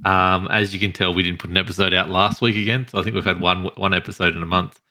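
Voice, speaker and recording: A tired man hosts a casual podcast chat, tripping over his words now and then. His voice is very low and flat in pitch, with a bright edge. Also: fast. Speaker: podcast host.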